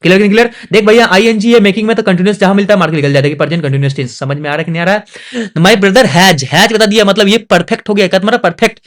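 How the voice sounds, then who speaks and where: A young man teaching an exam revision lesson, asking his students quick questions and coaxing and scolding them. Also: sits high, fairly even intonation, a bit bright. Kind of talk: casual online exam lesson.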